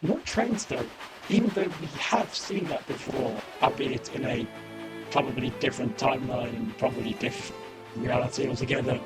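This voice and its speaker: A man's voice: mid-range voice, normal speed. A man giving comedic, critical game commentary, cutting in with pedantic, sweary corrections. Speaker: commentator in a video essay. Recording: prominent music behind the voice. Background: music.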